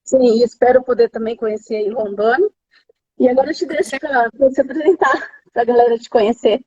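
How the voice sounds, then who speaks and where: Hosting her live interview series, a São Paulo-accented Brazilian woman casually interviews a friend in a husky, dark-toned voice that is a little high and fairly quick, with fairly even intonation. The sound is slightly dull, lo-fi live-stream audio.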